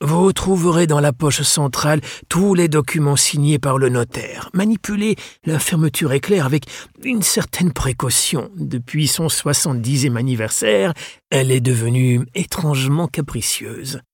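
A man's voice: on the high side, husky, no echo, studio quality, pitched above the performer's own voice. A man putting on an old English bookseller, raised and genteel. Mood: courteous, genteel. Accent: English speaking French. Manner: formal, genteel, measured.

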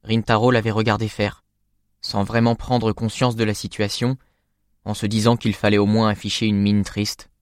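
Male audiobook narrator, low voice, calm measured reading, dry close sound. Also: no echo. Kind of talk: scripted narration.

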